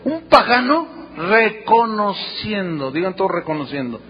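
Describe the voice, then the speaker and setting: A man with a Mexican accent preaches in an animated, storytelling manner and acts out the speakers in the story. His voice sits high and he takes his time. The recording is dull and lo-fi, with a faint hum underneath. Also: measured pace, slightly rough. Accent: Mexican Spanish. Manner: animated storytelling, dramatic quoted dialogue. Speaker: pastor. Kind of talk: sermon.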